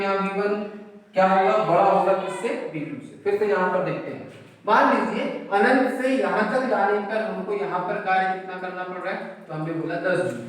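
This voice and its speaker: A man gives a classroom physics lecture, his high voice bouncing around a large, very echoey room. He sounds far from the mic, with faint noise behind him. He keeps asking questions and answering them himself, repeating the key terms. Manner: mixes in English words and numbers. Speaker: physics teacher.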